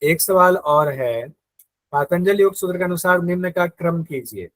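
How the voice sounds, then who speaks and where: A man's voice: high voice, normal speed, no echo, rough recording. A man teaching a live online yoga exam-prep class in speech, explaining step by step, repeating key terms and quizzing his students.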